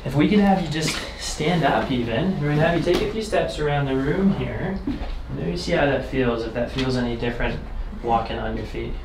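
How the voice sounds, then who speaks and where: Speaking quickly and with few pauses, a man with a medium-pitched voice explains a treatment to his patient while working on them. As a chiropractor, he keeps his tone reassuring and chatty. The indoor treatment room's ambience comes through clearly behind him.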